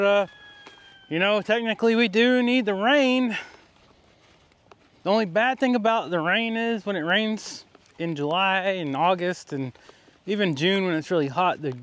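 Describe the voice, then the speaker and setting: A man, chatting casually outdoors on his farm in an easygoing rural way. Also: fairly bright tone. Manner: easygoing rural talk, calling animals in a high coaxing voice. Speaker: farmer and channel host. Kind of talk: casual farm vlog narration. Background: goats, sheep and chickens.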